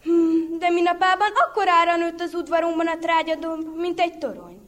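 A woman's voice: very high voice, pitched above the performer's own voice. A woman voicing a cheeky poor young man telling a king ever bigger tall tales. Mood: sly. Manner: sly, boastful tall-tale telling. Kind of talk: folk tale reading.

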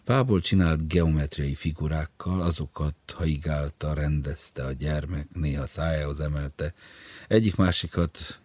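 A man narrating an audiobook in a measured, grave manner. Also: a bass voice, steady tone, darkish tone, no echo.

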